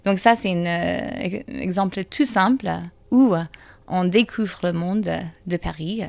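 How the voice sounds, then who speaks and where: A woman's voice: on the low side, slow pace, vocal fry, darkish tone, dry recording. A woman teacher answering interview questions hesitantly, with many fillers and restarts.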